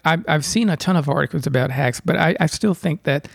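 A man co-hosting a podcast, chatting casually in an agreeable way with frequent halting restarts. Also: fairly high pitch, vocal fry, dry recording, studio quality. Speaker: podcast co-host. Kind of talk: casual chat.

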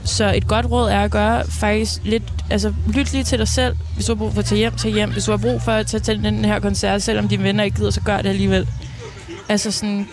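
Danish woman chatting casually over loud music. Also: mid-range voice, little pitch movement. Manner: informal, mild swearing, occasional English slang. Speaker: interview guest giving advice. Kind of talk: casual chat.

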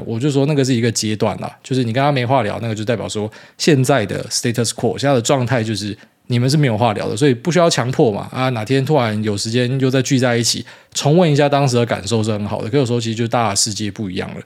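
A man's voice: medium pitch, creaky, a little mellow. A man in his thirties with a Taiwanese Mandarin accent, hosting a casual solo podcast in a rambling, blunt way with mild swearing. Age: 30s. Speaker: podcast host.

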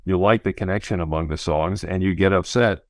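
Deep-voiced guy, expert guest explaining stuff thoughtfully and chatty, very dry recording. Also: fairly quick, no room sound. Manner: thoughtful, explanatory, often says you know. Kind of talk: conversational explanation.

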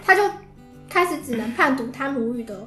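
High, fast-talking Taiwanese Mandarin woman. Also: animated, bright, forceful tone, reverberant, soft background music. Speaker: podcast guest. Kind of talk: casual explanatory chat.

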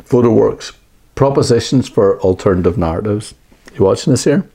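A middle-aged man with a very low, gravelly voice and a dark, husky tone. He chats casually as a co-host, telling rambling, animated stories and swearing freely. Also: normal speed. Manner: rambling, animated storyteller who swears and restarts often. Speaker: podcast co-host. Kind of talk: casual chat.

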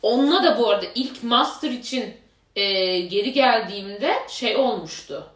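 A young woman chatting casually as a podcast host, telling anecdotes with lively acted-out quotes. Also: fairly high pitch, normal speed, roomy sound. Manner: animated storyteller, acts out quoted dialogue. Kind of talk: casual chat.

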